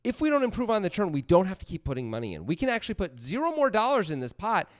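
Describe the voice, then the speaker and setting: A poker podcast co-host analyzes hands on a discussion show, arguing his points in an informal, emphatic, conversational style. His voice is high with huge pitch swings and a quick pace.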